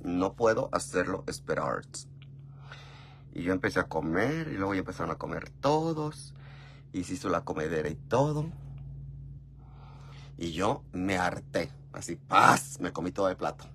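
A vlogger with a Mexican Spanish accent chats casually through a story, gossiping and often calling the listener "mi amor." He speaks at a moderate pace with long pauses, and his expressive delivery jumps widely in pitch and volume. There's a slight hiss or hum in the background.

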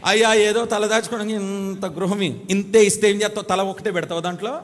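A man's voice: high voice, fairly even intonation, fairly quick. Fiery male preacher in a reverberant hall. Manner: dramatic storytelling, building to loud emphatic exhortation. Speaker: pastor. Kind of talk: sermon. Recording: long reverb of a church hall.

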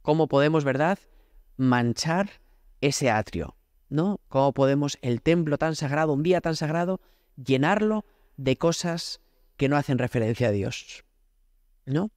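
Priest from Spain, slightly high male voice, dry close sound, chatty homily full of rhetorical asides. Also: expressive, a little slow, darkish tone, no room sound. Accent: Spanish from Spain. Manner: conversational, frequent rhetorical questions, addresses the Lord directly. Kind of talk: prayer meditation homily.

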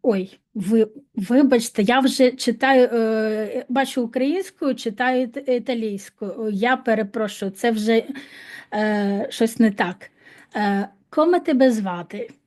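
A woman teaching a language lesson, repeating practice phrases in a slightly high, mellow voice. She hesitates often, filling pauses and restarting words. Her tone is soft and relaxed rather than bright. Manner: hesitant, frequent fillers and restarts.

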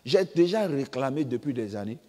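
A male pastor with an Ivorian French accent preaching a sermon, swinging between loud emphatic outbursts and quiet asides. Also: mid-range voice, expressive, normal speed. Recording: long reverb of a church hall.

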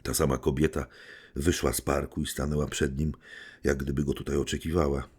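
A man reading a classic novel aloud as an audiobook narrator, measured and steady. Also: extremely low pitch, breathy edge. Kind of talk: scripted literary narration.

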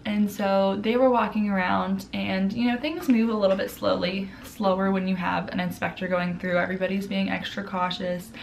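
A woman's voice: mid-range voice, steady tone, moderate pace, vocal fry, few pauses. A young woman vlogger telling stories in a casual, chatty way, full of fillers and restarts. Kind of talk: casual storytelling vlog.

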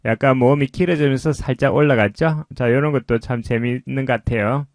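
A man teaching English pronunciation, explaining slowly and patiently in a lesson voice-over. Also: medium pitch, no room sound, studio quality.

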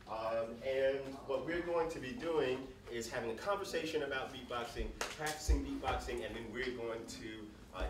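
In a large room with an audience, a man of medium pitch runs a workshop, taking the group through breathing and vocal warm-ups with short, upbeat prompts and repeated "right?" check-ins. His handheld mic sometimes misses him. The audio is distant and echoey, with noise audible throughout.

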